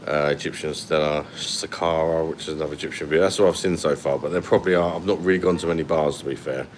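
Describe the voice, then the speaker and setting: With a faint air-conditioning hum behind him, a London man with a very low voice hosts a loose night-time livestream from a hotel room, holding the phone at arm's length. He reads comments in a blunt, sweary manner and laughs often. His tone stays steady and he talks fast.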